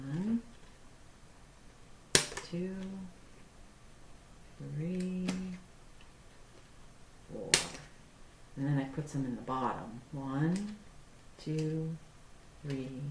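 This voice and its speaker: A woman who hosts storytime and teaches crafts reads a picture book aloud and demonstrates a craft for young children. She speaks slowly in a low, dark-toned voice, using simple, deliberate phrasing. The room is echoey, with faint background noise.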